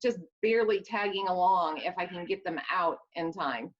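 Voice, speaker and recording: A woman's voice: lowish voice, normal speed. A woman with a Midwestern accent, an author talking earnestly about her work in a casual interview, rambling a little with restarts. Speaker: author guest. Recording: dull lo-fi sound.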